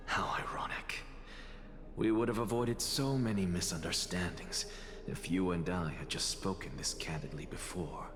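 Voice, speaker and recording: In scripted video game voice acting, a man plays a sardonic, weary, dying one-eyed scholar who is wry and candid. His low-pitched delivery is deliberate, haughty and theatrical. Long hall reverb and loud music fill the recording.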